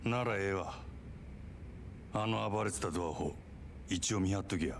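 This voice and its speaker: An actor playing a blunt cabaret manager in a video game, with a gruff manner and an Osaka Japanese accent. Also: male voice, sits low, fast, slight background noise. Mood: gruff, businesslike. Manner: gruff, blunt, rough colloquial speech. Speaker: club manager.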